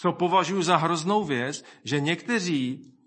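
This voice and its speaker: A man preaching a sermon, reflecting aloud, reading scripture and quoting people in lively voices. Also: fairly high pitch.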